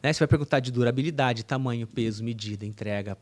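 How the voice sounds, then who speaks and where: A man hosting a casual podcast, talking quickly at a middle pitch. He keeps agreeing and backs up his guest with short affirmations. He speaks into a studio mic. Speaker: podcast host.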